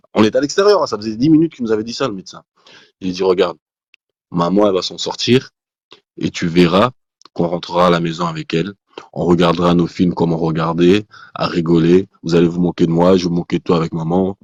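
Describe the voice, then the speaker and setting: Man, very low voice, casual testimony, animated retelling, frequent restarts, acted-out quotes, dull lo-fi sound. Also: no room sound. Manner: animated, many restarts, acts out quoted dialogue. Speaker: guest telling a personal testimony. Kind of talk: casual spoken storytelling.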